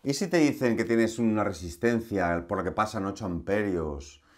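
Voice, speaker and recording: Man, electronics teacher, chatty and playful, lowish voice, lesson recorded at a board. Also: normal speed. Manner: chatty, asks rhetorical questions, playful asides.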